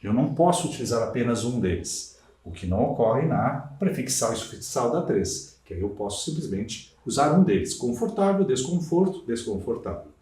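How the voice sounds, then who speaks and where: Animated Brazilian man teaching a class. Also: medium pitch. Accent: Brazilian Portuguese. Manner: didactic, stretches key words slowly, checks in with "né?". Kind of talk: recorded lecture. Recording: roomy sound from a distant mic.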